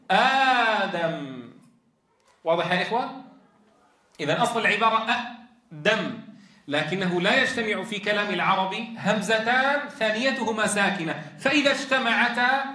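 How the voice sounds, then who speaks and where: Man, tajweed teacher, high bright voice, quizzing style, drawn-out example words, echoey room. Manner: asks students questions and answers them himself; drags out example words slowly. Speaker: Quran teacher trainer. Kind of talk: tajweed lesson.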